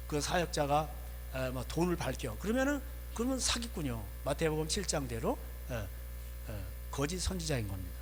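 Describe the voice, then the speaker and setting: Man preaching, slightly high voice, conversational sermon, rhetorical questions, long church reverb, faint hum. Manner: conversational preaching, frequent affirming "yes" asides and rhetorical questions. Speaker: pastor. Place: church sanctuary.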